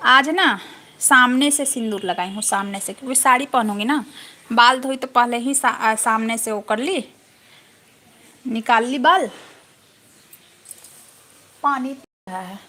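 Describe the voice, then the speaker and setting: A woman's voice: fairly high pitch, a little slow, long pauses, bright, forceful tone. A woman hosting a casual live stream from home on a phone camera, chatting and thanking viewers one by one.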